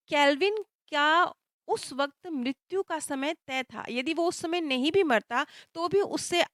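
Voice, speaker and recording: High-voiced woman telling a story. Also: a bit bright, dry recording, clean studio sound. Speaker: spiritual storyteller. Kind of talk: narrating a past-life story.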